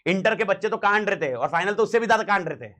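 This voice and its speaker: A man's voice: high-pitched, lively intonation, quick pace, fairly bright tone. A man teaching a class in a casual, slangy way, repeating key points and mixing in English phrases.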